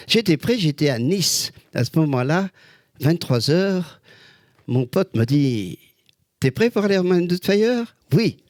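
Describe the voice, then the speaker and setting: An older man, a guest, telling lively anecdotes with exclamations and quick voice changes. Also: a little high, no echo, clean studio sound. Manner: expressive storyteller, many voices and exclamations. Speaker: guest, celebrity lookalike. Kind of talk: animated anecdotal chat.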